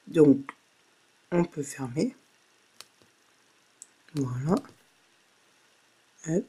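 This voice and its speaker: A man's voice: a little high, extremely slow, mellow, breathy edge. A man narrating a casual tech tutorial, hesitating often with fillers and saying "voilà" after each step. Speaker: tech blogger giving a tutorial.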